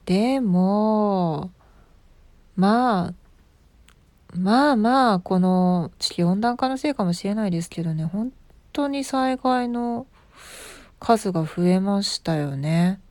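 A woman's voice: mid-range voice, animated, slow, long pauses, darkish tone, no room sound. A woman in her thirties with an Osaka accent, hosting a casual live stream, chatting about listeners' comments and laughing often. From Osaka, Japan. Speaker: livestream host.

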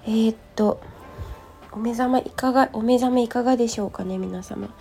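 A woman host speaks in a gravelly, croaky voice, hoarse from having just woken up. Her pitch sits fairly high and her tone is soft-edged and mellow. She chats politely and loosely, thinking aloud as in a casual audio diary. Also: moderate pace. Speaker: host of a personal audio show and tea and clay teacher. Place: at home. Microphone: smartphone.

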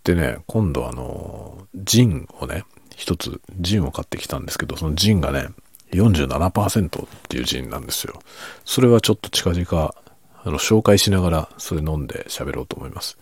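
A man hosting a quiet late-night solo chat, talking in a soft, unhurried, rambling way from his bedroom. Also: very deep voice, lively intonation, husky, dry recording. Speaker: podcast host.

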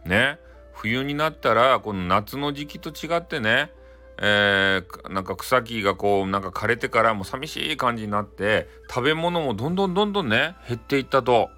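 A man's voice: mid-range voice, animated, moderate pace, sharp tone, soft background music. A man with a Hakata accent telling a bedtime folktale in a chatty, folksy way, often addressing his listeners. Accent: Hakata dialect. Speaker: storyteller.

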